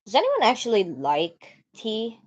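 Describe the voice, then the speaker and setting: A woman's voice: on the high side, wildly swooping pitch, unhurried, breathy edge, highs cut off. A woman reading a visual novel aloud and commenting casually, swearing freely and rambling about being a culinary student.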